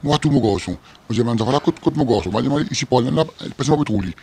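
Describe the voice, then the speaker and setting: A man quickly recounting the search for a boy to a reporter, repeating himself. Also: mid-range voice, expressive, a little mellow, slight background noise. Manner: rapid, repetitive telling. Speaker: interviewee.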